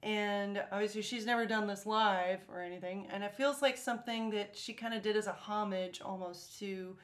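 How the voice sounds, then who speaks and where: A woman with an American accent in a casual music discussion, talking in an animated way. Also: mid-range voice, normal speed. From United States. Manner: animated, breaks into sung syllables to illustrate. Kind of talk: casual chat about folk music.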